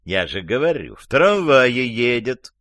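A man's voice: medium pitch, sing-song, unhurried, a bit bright, no echo. A man voicing an angry, sarcastic man, a jealous lover, in a read-aloud story. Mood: mocking, angry. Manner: sarcastic, gloating.

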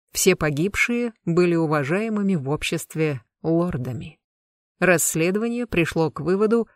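An audiobook narrator with a measured, even storytelling delivery and a voice of middling pitch. The recording is close and dry, with no room sound at all. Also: no room sound. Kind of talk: dark fantasy audiobook narration.

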